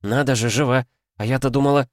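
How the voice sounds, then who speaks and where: Male reader doing a hoarse exhausted young huntress, blunt, defiant, higher voice, dry recording. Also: fairly even intonation, fast, no echo, lightly acted. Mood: scornful. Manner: blunt, scornful. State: hoarse, worn out.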